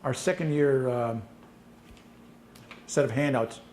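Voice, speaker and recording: A man's voice: medium pitch, slow pace, a little mellow. Guy teaching a language workshop, plain matter-of-fact answers, mid voice, echoey room. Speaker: language teacher presenting a session. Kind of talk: conference Q&A. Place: conference breakout room. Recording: echoey room, mic from a distance, faint noise.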